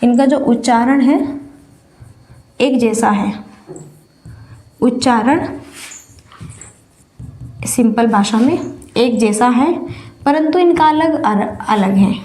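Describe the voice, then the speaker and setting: A woman teacher giving an exam-prep lesson while feverish, explaining slowly and repeating key words for stress. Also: a little high, warm tone, echoey room.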